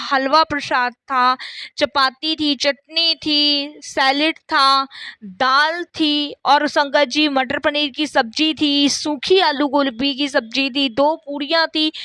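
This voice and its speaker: A middle-aged woman with a high, slightly bright voice gives a first-person devotional testimony, repeatedly addressing listeners and acting out the quoted dialogue of people in her story. The recording is studio quality with no echo.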